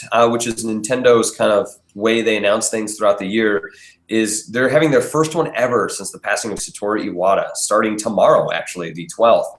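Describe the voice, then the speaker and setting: Male podcast host, casual and rambling with frequent chuckles, lively up-and-down delivery, roomy echo from an empty basement. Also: fairly low pitch. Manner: relaxed, rambling, chuckles often. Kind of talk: casual chat. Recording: echoey empty basement room.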